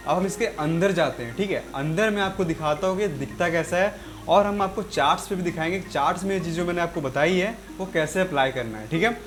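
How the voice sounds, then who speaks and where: A man with a sore throat teaching market trends over a chart, often checking in with "okay" and addressing his viewers as friends. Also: fairly high pitch. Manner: repetitive, keeps saying "okay" and "friends". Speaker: trading teacher. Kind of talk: explaining a chart on screen.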